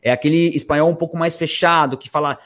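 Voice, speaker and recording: A man in casual chat, animated, mimicking other as he tells stories. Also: quick pace. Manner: animated, mimics accents with big pitch jumps.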